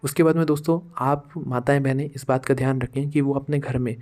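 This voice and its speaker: Mid-pitched man giving casual household advice. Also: fairly even intonation, fairly quick, darkish tone. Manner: repetitive, addresses listeners as friends. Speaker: vlogger giving household remedies. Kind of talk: casual advice talk to viewers.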